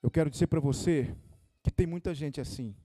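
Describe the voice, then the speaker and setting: A man's voice: a little high, fairly quick, warm tone, no room sound, clean studio sound. A male pastor, preaching an impassioned sermon that swells and drops. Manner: impassioned, rising and falling dynamics.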